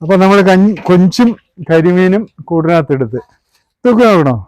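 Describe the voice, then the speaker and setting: A man speaks in a somewhat high voice. He gives casual, practical commentary as a fish seller hosting a vlog. Faint noise and clicks sit behind him. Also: animated, fairly quick, darkish tone. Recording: clear background noise with clicks.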